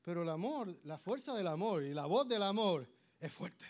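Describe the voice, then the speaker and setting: A man preaching a sermon, his voice slightly hoarse, animated and acting out voices. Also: sits high, moderate pace. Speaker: pastor.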